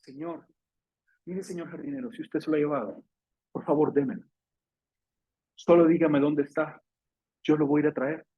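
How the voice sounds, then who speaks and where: A man's voice: on the high side, fairly even intonation, a little fast, breathy edge, lo-fi sound. A man voicing a grieving, pleading woman disciple. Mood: pleading grief.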